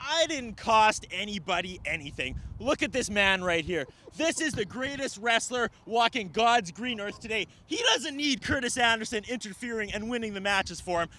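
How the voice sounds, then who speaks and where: A man's voice: high-pitched, lively intonation, moderate pace, hardly any pauses, bright, forceful tone, a little hiss or hum. A man delivering a wrestling promo, emphatic and indignant, punching out rhetorical questions.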